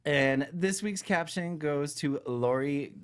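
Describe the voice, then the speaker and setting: A man's voice: a little high, slow, smooth. A man co-hosting a podcast, easygoing, chatting and reading listener notes aloud. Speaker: podcast co-host.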